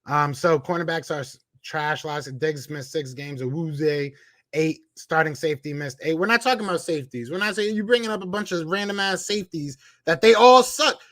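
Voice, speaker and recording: A man with a Philadelphia accent hosting a live sports podcast, reading out chat comments and trash-talking in a casual, animated way. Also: fairly high pitch, brisk, dry recording. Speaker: podcast host.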